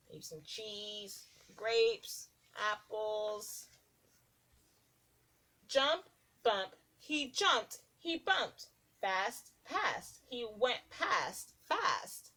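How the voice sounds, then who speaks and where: A woman who teaches preschool reads a rhyming picture book to young children in a sing-song, expressive, deliberate way. Her voice leans high, and the recording is low quality.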